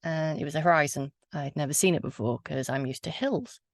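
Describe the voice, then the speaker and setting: A woman storyteller with a low voice and a gravelly edge, speaking reflectively and a little hesitantly. Her voice sounds dry and close, with no room around it. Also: brisk, dry recording. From Wales. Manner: reflective, earnest, with hesitant fillers. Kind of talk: casual talk and poetry reading.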